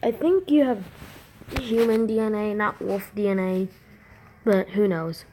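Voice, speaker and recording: A woman's voice: mid-range voice, unhurried. A woman giving casual reaction commentary in a sceptical, mocking manner. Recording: noisy home recording with clicks.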